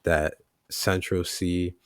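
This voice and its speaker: Young male co-host, very low voice, dry close mic, easygoing and slangy. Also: level tone, slow, smooth, no echo. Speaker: podcast co-host. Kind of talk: casual chat.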